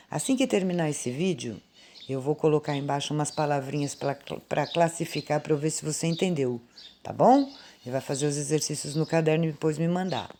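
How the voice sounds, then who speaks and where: A woman teacher with a Brazilian Portuguese accent explaining grammar to children in a slow, patient way, recorded on a phone at home. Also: sits low, dark tone, slight background noise. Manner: slow, patient and explanatory, calling out words aloud. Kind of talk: remote grammar lesson for children.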